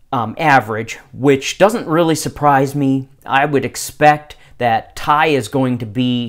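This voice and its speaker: A man hosting a fan halftime show, giving informal sports commentary in a halting way, as if thinking aloud. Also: medium pitch.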